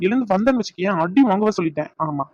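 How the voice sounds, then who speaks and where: A man's voice: sits high, lively intonation, a little mellow, no room sound, muffled recording. A man voicing an injured young man in a cartoon who teases his tearful girlfriend with mock threats. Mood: teasing. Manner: teasing, mock threats, rapid speech. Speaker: voice actor. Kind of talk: cartoon dub acting.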